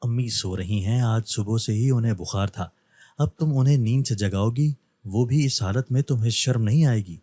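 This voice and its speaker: A man's voice: mid-range voice, dark tone, no echo, natural voice. A male narrator reading the lines of a mischievous young student, with a teasing, mocking manner.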